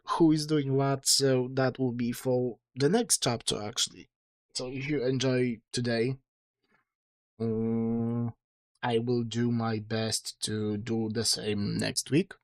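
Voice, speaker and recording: In a dry recording, a man of medium pitch streams to his chat and reads his own book aloud. The casual livestream talk is tired and throat-strained, rambling and self-deprecating, peppered with fillers and restarts.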